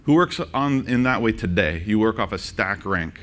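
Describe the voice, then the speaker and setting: A man presenting a conference workshop, joking and quizzing the audience with quick questions. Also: lowish voice, animated, a bit bright. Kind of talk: interactive conference talk. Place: conference session room.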